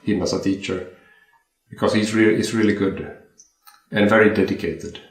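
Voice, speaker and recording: In a relaxed interview, a young man from Sweden describes his work as a watchmaker, his speech halting and full of restarts and repeated words. He has a very deep voice with fairly even intonation, and the sound reverberates through a room in his home.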